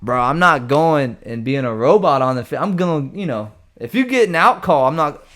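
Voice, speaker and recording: A man's voice: on the high side, animated, moderate pace, a bit bright. A young man hosting a casual chat, joking, laughing often and airing strong opinions. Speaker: podcast host.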